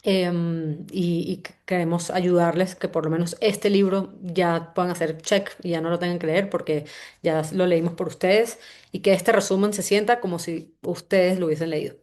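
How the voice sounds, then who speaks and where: This Venezuelan host and company CEO runs a live online book-summary session in a lowish, slightly mellow voice at a normal pace with fairly even intonation. She has a Venezuelan accent, sounds welcoming and chatty, and frequently starts her phrases over.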